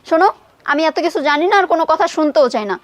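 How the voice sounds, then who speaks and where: An actress playing a young wife who coaxes and insists. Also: female voice, high-pitched, racing, a little hiss or hum, natural voice. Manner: wheedling then insistent. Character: coaxing young wife, demanding.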